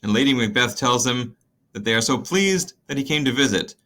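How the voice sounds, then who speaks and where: A man's voice: mid-range voice, expressive, brisk, fairly bright tone. A man narrating a casual scene-by-scene summary of a play, in a wry, conversational manner.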